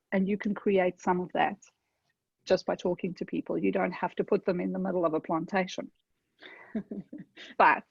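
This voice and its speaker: A South African woman with a South African accent presents a conversational webinar, addressing her audience directly and often checking in with "okay?". Her medium-pitched voice is gravelly, a little mellow and breathy-edged. The sound is lo-fi, with no room sound.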